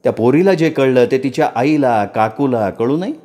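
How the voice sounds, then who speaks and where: A man reading a story aloud in an expressive first-person narration. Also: mid-range voice, moderate pace.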